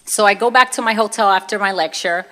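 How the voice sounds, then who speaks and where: Speaking fast in a mid-range voice that sounds pushed and bright, a woman with a Brooklyn accent shares her personal story in an informal talk. Originally from Brooklyn, New York, she keeps it conversational and acts out pieces of dialogue.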